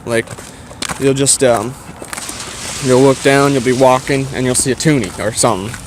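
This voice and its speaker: A man's voice: mid-range voice, steady tone, moderate pace, noisy background. A man with a Canadian accent chatting casually to his viewers in a hesitant, meandering way while out and about. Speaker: vlogger. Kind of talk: casual rambling chat to viewers.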